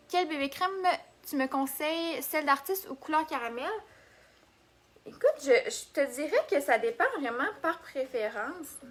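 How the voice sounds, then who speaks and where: A woman's voice: sits high, bright, forceful tone. A young woman with a Québécois accent hosting a casual makeup live stream, chatting and answering viewer comments as she works. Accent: Québécois French.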